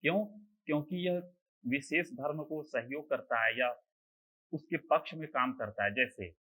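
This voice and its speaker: A man's voice: fairly high pitch, bright, forceful tone, low-quality recording. A man teaching an online exam-prep class, asking rhetorical questions and answering them himself, and often checking that students follow. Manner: keeps checking that students understand.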